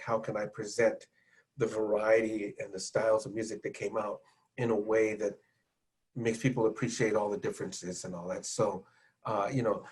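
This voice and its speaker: A man speaking as a music journalist in a panel discussion, chatty and self-deprecating, with stumbling restarts. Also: on the low side.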